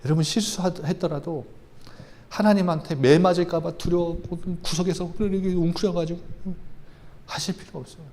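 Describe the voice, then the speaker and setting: A man's voice: a little high, steady tone, normal speed, a little mellow, slight background noise. A man preaching a sermon as a pastor in a church, emphatic and conversational, with sudden rises in intensity.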